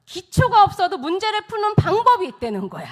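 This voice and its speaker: A middle-aged woman, a missionary speaker, telling a lively testimony story at a church service, acting out the people she quotes and laughing often. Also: very high-pitched, a little fast. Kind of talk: testimony sermon.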